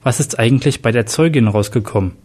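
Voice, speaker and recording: A man's voice: mid-range voice, quick pace, a little mellow, lightly acted. A man doing a shaken young detective. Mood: earnest.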